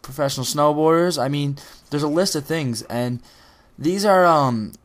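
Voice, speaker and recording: Over clips of gameplay, a teen boy who makes gaming videos rambles through a laid-back pep talk, stumbling with ums and restarts. His voice sits on the high side and moves at an ordinary pace.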